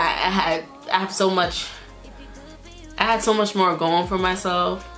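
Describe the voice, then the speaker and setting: A woman's voice: lowish voice, fairly bright tone. A woman of twenty-one telling her own story in a vlog, candid and rambling, often restarting her sentences. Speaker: vlogger.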